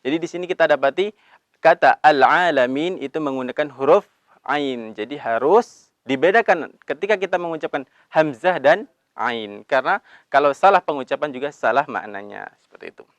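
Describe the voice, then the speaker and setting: A man teaching Quran recitation, explaining letters patiently and drawing out the recited verses slowly. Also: fairly high pitch, expressive, dry recording. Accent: Indonesian. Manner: slow drawn-out recitation of verses between brisk explanations; calls himself Abi, patient instructive tone. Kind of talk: recitation lesson with chanted examples.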